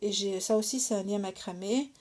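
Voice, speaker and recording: Chatty middle-aged woman, mellow voice. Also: medium pitch, brisk. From France. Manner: chatty, asks "d'accord?" often, thinks aloud with fillers. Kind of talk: casual live crafting tutorial.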